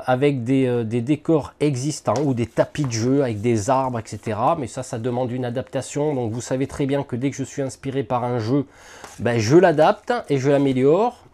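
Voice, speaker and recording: A man's voice: mid-range voice, warm tone. A man hosting a miniatures hobby channel, casually unboxing and thinking aloud to the camera with lots of hesitant fillers.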